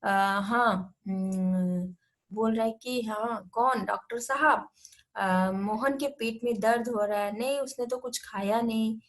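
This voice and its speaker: A woman's voice: on the high side, fairly even intonation, slow. A woman teacher who reads a passage from a textbook story aloud, then retells it in simpler words, putting on small voices for the family. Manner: acts out the family's lines in slightly changed voices. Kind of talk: reading and explaining a textbook lesson.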